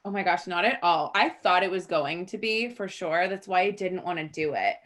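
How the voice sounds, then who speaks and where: A woman therapist speaks as a guest on a podcast. She talks casually and chattily, scattering "like" through her sentences. Her voice sits somewhat low. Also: moderate pace, a bit bright. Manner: chatty, fills speech with "like".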